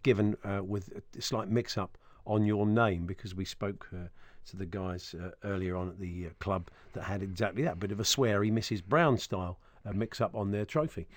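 A man's voice: on the low side, steady tone, moderate pace, hardly any pauses, dry recording. A man hosting a casual sports radio show, telling rambling, jokey anecdotes into a close studio microphone.

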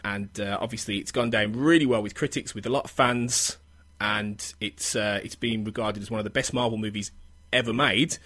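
A man with an English Midlands accent hosting a casual podcast discussion in a hesitant, halting way. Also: lowish voice, steady tone, fairly bright tone. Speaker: podcast host.

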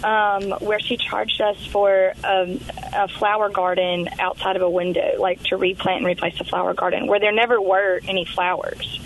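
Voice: mid-range voice, flat delivery, moderate pace, fairly bright tone, slight background noise. A caller on a phone line asking a radio show a question, hesitant with many fillers. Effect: heard over a phone line.

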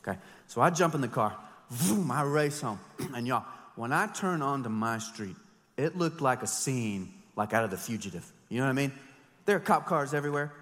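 A man in his thirties, a pastor preaching an animated, joking sermon with emphatic storytelling. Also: mid-range voice, moderate pace, big-room sound. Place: church sanctuary.

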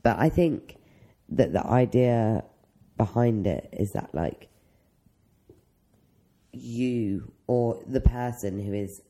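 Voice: medium pitch, slow pace, long pauses, warm tone, poor audio. A podcast co-host in their twenties, thinking aloud in a hesitant, searching way during casual chat. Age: 20s. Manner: thoughtful, hesitant, searching for words.

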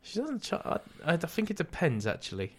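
Young man, podcast co-host, casual, stumbling speech, lively intonation. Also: fairly high pitch, slightly rough. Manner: halting, stumbles over words. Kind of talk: casual banter.

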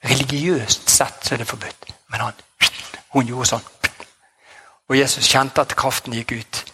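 A man preaching a sermon in a lively, exclamatory way, chuckling often and dropping in amens and hallelujahs. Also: mid-range voice, slight background noise.

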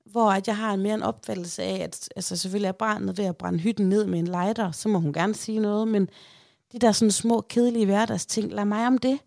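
Gravelly-voiced chatty woman. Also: medium pitch, no echo, studio quality. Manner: chatty, animated, acts out quotes. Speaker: podcast host. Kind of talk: casual chat, storytelling.

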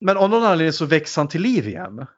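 A man's voice: a little high, very animated, slightly rough, dull audio. A man in a casual chat, animatedly retelling a film with many fillers.

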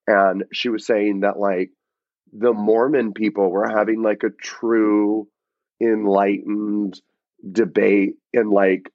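A man's voice: fairly low pitch, flat delivery, slow, no room sound. A man from Georgia in casual chat, rambling and full of fillers like "like". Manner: rambling, filler-heavy with many likes. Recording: dull lo-fi sound.

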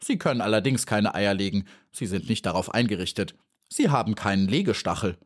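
A man's voice: wildly swooping pitch, moderate pace. A man voicing a cheeky, good-natured male grasshopper in an audiobook, pert and mocking in manner. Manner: pert, mocking, springy high exclamations. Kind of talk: audiobook character voice.

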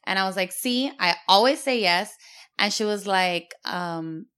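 A woman's voice: mid-range voice, measured pace, a bit bright, clear, resonant tone. A middle-aged woman from Miami, a podcast co-host telling stories in casual chat, quoting people she meets and laughing often. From United States (Miami). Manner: chatty storyteller, quoting others, laughing often.

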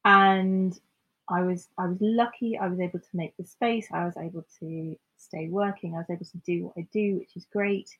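A woman co-hosting a podcast in casual chat, speaking in a reflective, measured way and agreeing often. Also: lowish voice, fairly even intonation, breathy edge, highs cut off. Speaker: podcast co-host.

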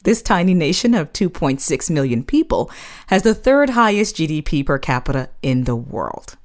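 A woman hosting a scripted radio feature in a bright, quiz-style presenting manner. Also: deep voice, sing-song, normal speed. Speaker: host.

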